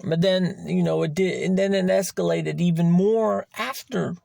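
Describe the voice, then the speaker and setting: In a raw, emphatic personal monologue, a man hosting a podcast swears freely and draws out words slowly for emphasis as he tells his story. He has a high, gravelly yet mellow voice, captured clean in a studio with no room sound.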